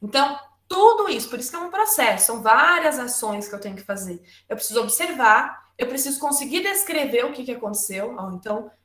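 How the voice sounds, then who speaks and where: Woman lecturer on a webinar, slightly high voice, conversational and loose, checks in with "right?" tags often; roomy, echoey sound. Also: big pitch swings, a little fast, few pauses, a bit bright. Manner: conversational, frequent "né?" tags and restarts.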